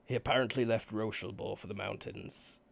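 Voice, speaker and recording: A man voicing a formal, measured town official in a tabletop game. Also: lowish voice, steady tone, gravelly. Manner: formal, deliberate speech.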